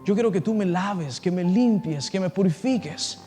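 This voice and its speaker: A man's voice: sits high, normal speed, dark tone. A male pastor preaching an impassioned sermon to students, telling a story and speaking directly to his listeners. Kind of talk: evangelistic sermon, personal story. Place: large assembly hall before students. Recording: reverberant hall with faint music.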